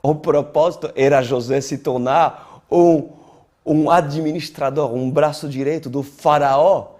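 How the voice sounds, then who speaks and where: This male preacher's voice sits on the high side, slow and mellow, with fairly even intonation. He's a pastor giving a sermon in Portuguese, a language he picked up as an adult rather than his native tongue. His delivery is deliberate and emphatic, full of dramatic pauses and repetition.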